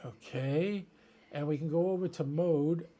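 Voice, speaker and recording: A man with a fairly high, mellow voice talks at a measured pace as he hosts his ham radio channel, demonstrating something live on his computer and reasoning aloud for viewers.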